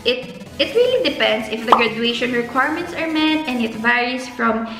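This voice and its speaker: Speaking at a moderate pace with lively intonation, this young woman has a voice on the high side and a Filipino accent. She's a graduate student from the Philippines offering casual, earnest advice in a vlog, drawing out words to stress them. Faint music plays in an echoey room.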